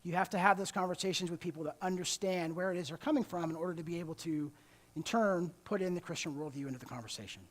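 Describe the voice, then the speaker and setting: A man's voice: on the high side, quick pace. A man giving a conversational church talk, often restarting words and checking in with his listeners. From United States. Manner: conversational, repeats words while restarting, checks in with "okay?" and "right?". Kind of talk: sermon-style talk.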